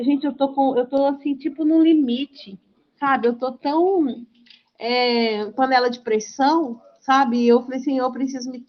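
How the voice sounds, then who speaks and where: A woman pastor, sharing a lively devotional testimony in an animated storytelling way. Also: high-pitched, lo-fi sound.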